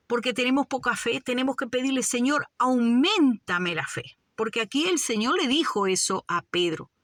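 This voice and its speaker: A woman's voice: on the high side, fairly bright tone, no room sound, clean studio sound. A woman preaching a fervent sermon, often calling her listeners beloved brothers. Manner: fervent, addresses "amados hermanos" often.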